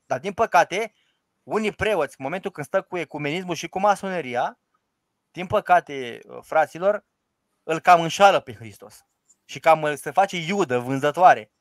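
High-voiced man, emphatic priest. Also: no room sound. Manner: emphatic and rhetorical, quotes the liturgy aloud. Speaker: Orthodox priest. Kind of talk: informal teaching discussion.

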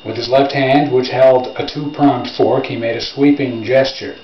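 A man's voice: medium pitch, steady tone, a little slow, slight background noise. Man reading a story in a roomy room. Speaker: author reading his own story. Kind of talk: unhurried literary reading. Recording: roomy, dull lo-fi home recording.

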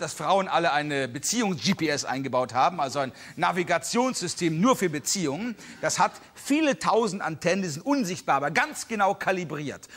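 A man's voice: high-pitched, fairly bright tone. A man telling a comic story in a live stand-up monologue, acting out the other people in it and making buzzing noises. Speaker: stand-up comedian. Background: audience laughter.

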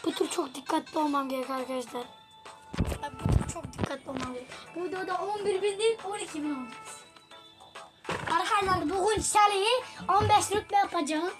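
A woman with a high voice talks her viewers through a mobile game match in loose, slangy chatter. She is excitable, bursting into shouts at opponents and then muttering apologies. Loud game music plays behind her. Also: fairly quick. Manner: excitable, swings between yelling at opponents and quiet apologies; casual slangy talk to viewers. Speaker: gaming YouTuber. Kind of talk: live gameplay commentary.

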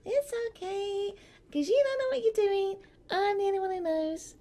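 A woman voicing a bubbly, bossy young woman who teases loudly in a comedic gaming role-play. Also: animated, moderate pace. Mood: teasing. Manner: high, loud and teasing.

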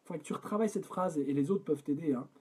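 A man's voice: fairly high pitch, slight background noise. A French man writing a song live, singing draft lines over guitar and talking through syllable counts with the chat. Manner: sings lines over guitar, then breaks off to talk quickly and softly about syllables. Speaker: songwriter leading a live collaborative session.

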